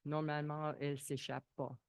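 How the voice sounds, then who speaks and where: A woman's voice: deep voice, flat delivery, moderate pace, darkish tone, smooth, no echo, clean studio sound. A woman who is not a native French speaker, with a foreign accent in French, raising questions informally as a resident at a public meeting and searching for her words.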